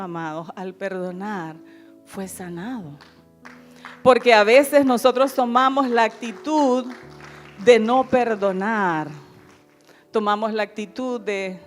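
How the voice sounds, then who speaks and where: A middle-aged woman pastor preaching a sermon in an earnest, pleading way, often calling her listeners beloved. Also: on the high side.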